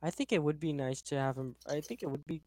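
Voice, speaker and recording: A man's voice: on the high side, quick pace, a crowd in the background. A young man co-hosting a casual chat, rambling with many filler words. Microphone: own microphone on a tripod.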